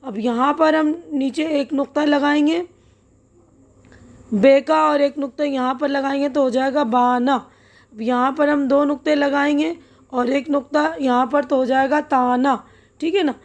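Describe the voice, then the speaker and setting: A woman teaching a lesson, spelling words out letter by letter and pausing often to check that her listeners follow. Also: sits high, steady tone. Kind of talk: step-by-step classroom lesson.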